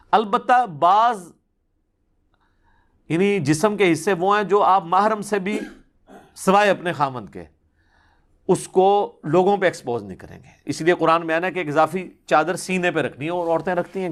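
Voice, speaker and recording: A man whose voice sits slightly higher than usual responds to a questioner's religious queries as an Islamic scholar. His explanations are easygoing and conversational, patiently building each point through examples.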